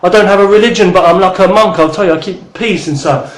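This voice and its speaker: A man's voice: high-pitched, fast talker, echoey room, rough recording. A man in his thirties teaching martial arts in a rambling, casual way, swearing and then apologizing. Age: 30s.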